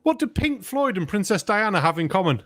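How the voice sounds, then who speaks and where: A man's voice: high voice, very animated, music in the background. Man hosting a poker stream. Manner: joking, drawn-out reactions. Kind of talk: casual chat with jokes.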